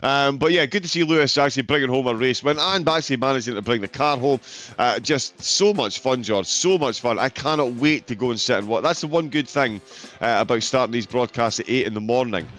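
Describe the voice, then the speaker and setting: A man's voice: mid-range voice, fast talker, a bit bright, faint music behind. A man, commentating on a sim racing event in an enthusiastic, upbeat way. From Britain. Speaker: race commentator.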